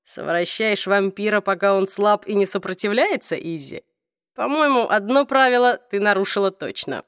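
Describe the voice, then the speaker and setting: A woman voicing a young male warrior with an even, faintly mocking tone. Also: mid-range voice, moderate pace, clear, resonant tone, dry recording, clean studio sound, close to an everyday voice. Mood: dry, mocking.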